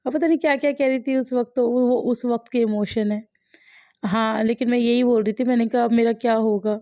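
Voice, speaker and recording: A woman's voice: fairly high pitch, steady tone, a little fast, warm tone, no echo. A woman from India, a mother chatting casually over her family vlog, wry and self-mocking, laughing often.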